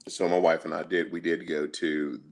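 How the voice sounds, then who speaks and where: A man co-hosting a casual show from home, telling things in a halting, conversational way. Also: a bass voice, flat delivery, vocal fry. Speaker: podcast co-host. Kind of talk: casual chat, recounting events. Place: indoors at home, remote call.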